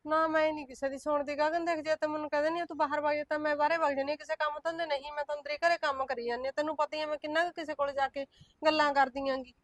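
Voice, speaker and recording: A woman's voice: high-pitched, flat delivery, very fast, no echo, close to an everyday voice. An actress playing a meek widowed mother who pleads and swears she is innocent. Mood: pleading. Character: pleading widowed woman with small children, meek. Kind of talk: village short-film drama.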